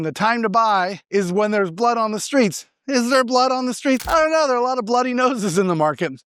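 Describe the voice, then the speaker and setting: In clean studio sound with no echo, a man from Argentina explains the property market to camera as a real estate agent, informal and emphatic, raising questions only to answer them himself. His high voice comes across as a bit bright, clear, and resonant.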